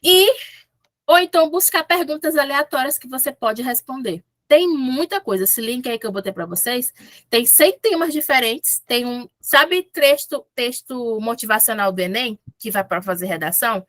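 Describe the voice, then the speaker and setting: A woman's voice: high voice, expressive, moderate pace, fairly bright tone, no echo. A woman from Brazil teaching English in a casual, chatty lesson, often checking in with her listeners.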